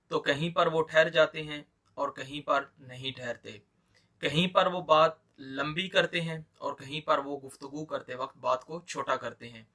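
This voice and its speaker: A man with an Urdu accent explains a reading lesson. His voice is fairly high and very bright. He speaks patiently and repeats key points for emphasis. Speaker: Quran teacher.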